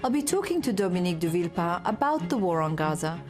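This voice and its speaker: A woman with a fairly low voice hosts a broadcast interview, narrating and asking composed, formal questions. A music bed plays clearly underneath her. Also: very animated, quick pace. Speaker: interviewer, host.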